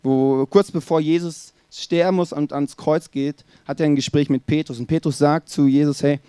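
A man's voice: a little high, steady tone, normal speed, warm tone, clear, resonant tone, no echo. Emphatic German-speaking male preacher. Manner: emphatic, addresses listener directly with rhetorical questions. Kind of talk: sermon.

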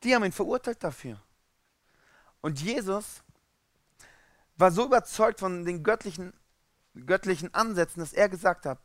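A male preacher with a fairly high voice delivers an animated sermon, jumping between loud bursts and near-quiet lines. His sound is dry and close, with no room around it. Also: no room sound.

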